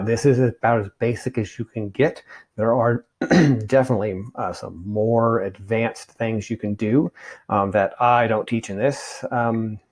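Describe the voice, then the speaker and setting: A man narrates a screen-recorded software lesson in a relaxed, conversational way, pausing with ums and uhs as he walks through each step. His voice is starting to wear from long talking. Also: medium pitch. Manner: casual, fillers, talks through on-screen steps. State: losing his voice. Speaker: course instructor.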